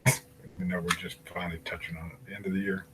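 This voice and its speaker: Male algebra teacher, slightly low husky voice, steady step-by-step explainer. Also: quick pace, poor audio. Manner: talks through problems step by step, asking questions aloud. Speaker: math teacher. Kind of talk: recorded algebra lesson.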